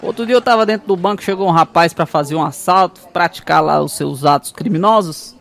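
A man's voice: high-pitched, fairly quick, vocal fry, background noise. A man telling mother-in-law jokes, chuckling through his punchlines and acting out the voices. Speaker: stand-up comedian.

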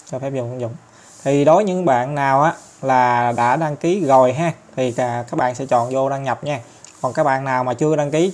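A man's voice: mid-range voice, a little mellow. Chatty Southern Vietnamese man guiding an app setup. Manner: chatty, step-by-step, many fillers and tag particles. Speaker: tutorial host. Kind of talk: screen-recorded app tutorial.

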